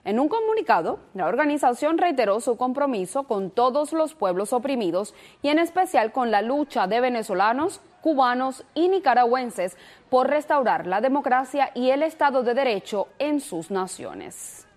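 A woman's voice: high voice, very animated, normal speed. A woman news anchor reading stories and introducing a reporter in a formal way.

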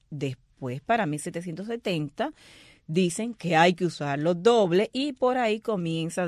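A woman co-hosting a casual talk show, explaining punctuation in a lively way and acting out example phrases. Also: on the low side, no echo, clean studio sound. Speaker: co-host explaining Spanish grammar. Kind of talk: casual radio chat.

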